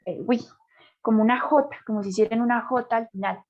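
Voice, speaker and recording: A woman's voice: a little high, fairly even intonation, fairly quick. A woman teaching a beginner French class, patiently repeating words for her students to drill. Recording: dull lo-fi sound.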